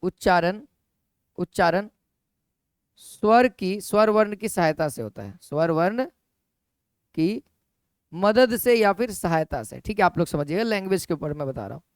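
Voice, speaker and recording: A man teaching an exam-prep class in a smooth, resonant voice, recorded close and dry with almost no room sound. He repeats key points over and over, asks his students questions and answers them himself. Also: sits high, expressive, measured pace, long pauses, no echo.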